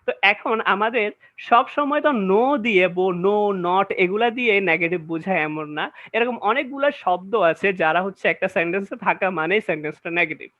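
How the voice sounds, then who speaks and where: In a classroom-style lecture, a man teaches English grammar, explaining step by step and often asking questions to check that listeners follow. His voice is high, animated, and brisk. The recording sounds dull and lo-fi.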